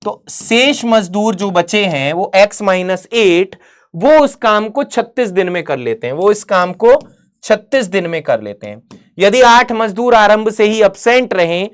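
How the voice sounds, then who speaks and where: Mid-pitched woman teaching maths. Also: big pitch swings, measured pace. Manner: asks the class questions and answers them herself; calls students "beta" and "mere bhai". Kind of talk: online exam-prep lecture.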